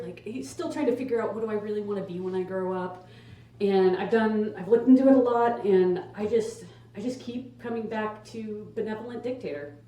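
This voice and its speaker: In an echoey live room, picked up from a distance, a young woman performs stand-up. Her delivery is casual and conversational, with emphatic punches, and she speaks at a middling pitch. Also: dark tone. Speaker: stand-up comedian. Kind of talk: stand-up comedy set to a live audience. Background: audience laughter.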